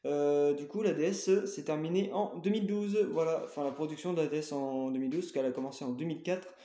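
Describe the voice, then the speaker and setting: Speaking fast in a warm, slightly high voice, a man presents his game collection casually, hesitating and correcting himself with many fillers. The sound is roomy, like a show-and-tell recorded in an open space.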